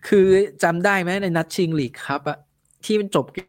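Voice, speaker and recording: A man's voice: high-pitched, a little fast, no room sound, studio quality. A man co-hosting a podcast, chatting casually and matter-of-factly about football. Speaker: podcast co-host.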